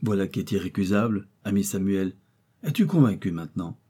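Man reading a steady, reassuring hunter for an audiobook: low, warm and a little husky. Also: brisk. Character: steady male hunter, calm marksman friend.

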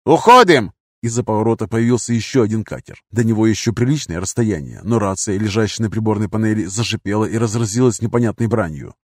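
A man's voice: fairly low pitch, quick pace, few pauses, dark tone, no echo, clean studio sound. A man reading a first-person action audiobook in a tense, punchy way, throwing force into the dialogue. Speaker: audiobook narrator.

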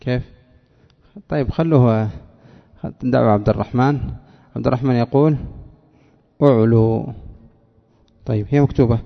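A man's voice: medium pitch, a little fast, vocal fry. A male teacher giving a classroom lesson on word forms, calling on students by name and drilling them with questions. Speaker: teacher of Arabic morphology. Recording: echoey hall, dull lo-fi sound.

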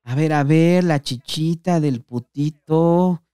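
A man's voice: fairly high pitch, slow pace, warm tone, clear, resonant tone, no echo, studio quality, voice pushed up. A man with a Mexican accent voicing a crude, mocking young stoner in a read-aloud story.

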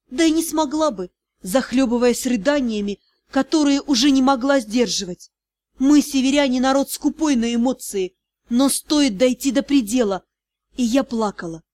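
A woman's voice: high-pitched, darkish tone, no room sound. A woman reading an audiobook aloud, with emotional first-person narration. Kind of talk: scripted narration.

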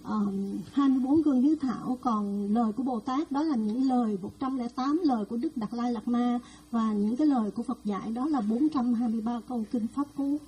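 Earnest woman with a highish mellow voice. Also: fairly quick, few pauses, slightly rough, poor audio. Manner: respectful, earnest listing. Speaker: lay follower sharing with the assembly. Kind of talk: humble testimony to monastics.

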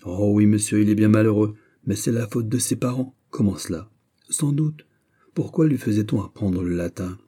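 A man's voice: lowish voice, normal speed, mellow, slightly rough. A man playing a genial prison governor. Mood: coaxing. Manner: genial, coaxing. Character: jovial middle-aged male prison governor, chatty.

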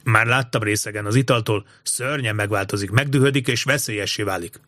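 A man voicing a wary, gloomy older boy who speaks low and grumbling. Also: bright, forceful tone, no room sound, studio quality.

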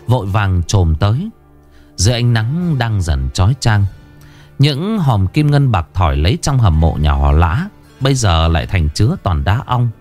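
Low-voiced male storyteller. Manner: steady, expressive storytelling. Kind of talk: scripted narration of a historical folk tale.

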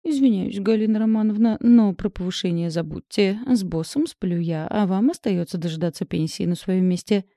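A woman's voice: mid-range voice, normal speed, few pauses, dark tone, no echo, clean studio sound, lightly acted. A woman voicing a smug young female coworker with a nasal, mocking voice in an audiobook story.

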